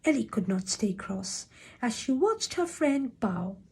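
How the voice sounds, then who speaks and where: A woman reads a children's picture book aloud, telling the story in an expressive, animated way. Her voice is fairly high, gravelly and husky, and she reads a little slowly.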